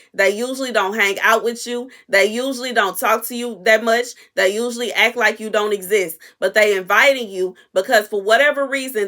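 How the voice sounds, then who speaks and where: A woman's voice: fairly high pitch, bright, forceful tone. A woman sharing a prophetic message with viewers in casual, emphatic talk, often repeating herself for stress. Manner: informal, repetitive, emphatic straight talk. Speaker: prophetic content creator.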